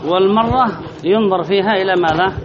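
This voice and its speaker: Male grammar teacher, higher voice, reads and explains, repeats himself; dull recording, audience noise behind. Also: fast. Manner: reads a line then explains, repeats phrases and asks questions. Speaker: sheikh teaching Arabic grammar. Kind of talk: classroom lesson explaining a text.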